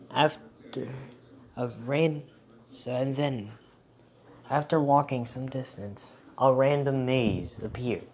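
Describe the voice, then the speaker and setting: A man telling an improvised horror story in a halting way, with frequent restarts and occasional hushed whispers. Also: mid-range voice.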